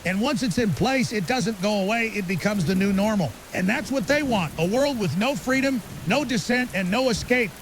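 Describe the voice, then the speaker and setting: Over rain and a faint hiss, a man plays the interview guest on a fictional apocalypse podcast: a grim, urgent conspiracy theorist whose clipped, certain statements are emphatic and ominous. His voice sits high with lively intonation, moving at normal speed with few pauses, and the mood is grim and insistent.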